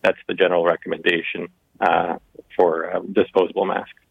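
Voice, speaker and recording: Low, creaky man explaining, dull line. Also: little pitch movement, brisk, no echo. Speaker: expert guest, epidemiologist. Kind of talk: explanatory interview answers. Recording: dull lo-fi remote connection.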